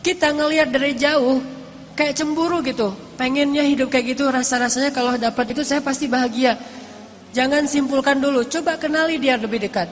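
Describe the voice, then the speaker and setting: A man's voice: extremely high pitch, fairly even intonation, fairly quick. Male preacher, casual storytelling sermon, long hall reverb, faint background hiss. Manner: conversational storytelling, rising into emphatic peaks and dropping to hushed lines.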